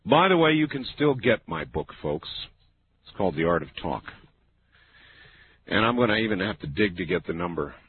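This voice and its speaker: A man with a smooth radio host delivery, running a late-night call-in show and talking to his listeners. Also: sits low, very animated, moderate pace, pauses often. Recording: tinny lo-fi radio broadcast with faint hiss.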